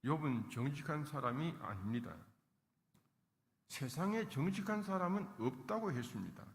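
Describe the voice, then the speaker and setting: A man's voice: fairly high pitch, animated, moderate pace. A male pastor preaching a sermon with emphasis, acting out the lines he quotes. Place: church sanctuary. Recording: echoey church hall.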